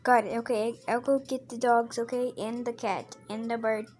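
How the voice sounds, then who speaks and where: A woman's voice: a little high, level tone, normal speed, a little mellow, soft background music. A woman playing a mother in a casual game role-play, chatting and stopping to narrate what her character does.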